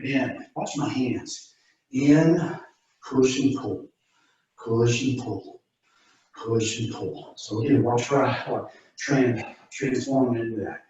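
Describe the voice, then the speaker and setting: Slow-paced man teaching, distant and echoey. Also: medium pitch, darkish tone. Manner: informal, instructive, checks in with "okay?". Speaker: karate instructor. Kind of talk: casual spoken explanation to a class. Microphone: distant camera microphone. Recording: very echoey room, distant mic, dull sound.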